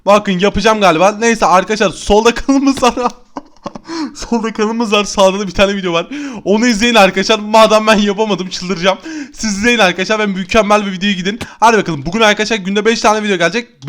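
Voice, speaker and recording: A young man commentating a Minecraft let's-play, excitable and exasperated, talking to viewers as friends. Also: high voice, fast talker. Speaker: gaming YouTuber.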